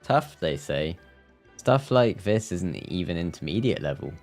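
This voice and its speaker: Male game streamer, deep register, jokey, reads lines aloud with stumbles, soft music underneath. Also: very animated, a little slow. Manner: joking, stumbles over read lines. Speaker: live streamer. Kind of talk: game livestream, reading dialogue aloud and commenting.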